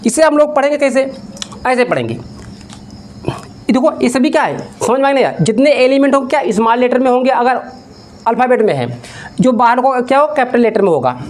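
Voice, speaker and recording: Very high-pitched and animated, a man teaches maths as if in a classroom, dictating slowly, one step at a time. He poses his own questions, answers them, and keeps repeating the key terms.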